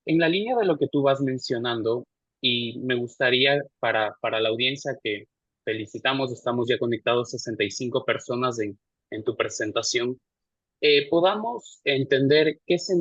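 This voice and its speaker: A male moderator speaking in a middle register, polite and a little halting as he asks the speaker a question. The sound is dry and somewhat dull, as if it comes over a video call. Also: mid-range voice, a bit bright, no room sound. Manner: polite, hesitant, repeats words. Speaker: session moderator. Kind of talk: moderating an online talk. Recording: dry, dull online audio.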